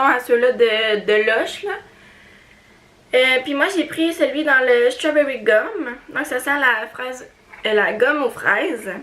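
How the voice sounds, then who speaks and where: A woman's voice: high voice, a bit bright. A young woman with a Quebec French accent chatting casually in a beauty haul video, hesitant with many fillers and little giggles. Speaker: beauty vlogger.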